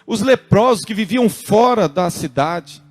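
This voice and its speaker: A man's voice: high voice, expressive, measured pace, faint music behind. A Brazilian man preaching a sermon in a church service streamed online, earnest and building to emphatic urging. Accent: Brazilian Portuguese.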